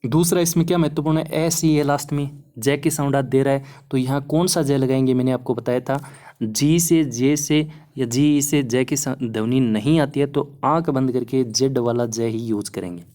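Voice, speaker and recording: A man's voice: medium pitch, steady tone, normal speed, warm tone. A young man who teaches exam prep, talking a class through phonetics examples in a casual, encouraging way and often asking "है ना". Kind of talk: explaining lesson over slides.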